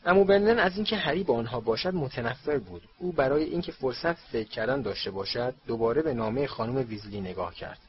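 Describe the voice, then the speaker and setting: Guy narrating a storybook, steady measured read, mid-pitched voice, kinda dull recording with a faint hiss. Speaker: audiobook narrator. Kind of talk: storybook reading.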